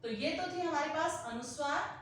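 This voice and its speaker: A woman teacher explaining a grammar lesson slowly, repeating example words aloud to demonstrate. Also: high voice, fairly bright tone, slight background noise. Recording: very echoey room, heard from a distance.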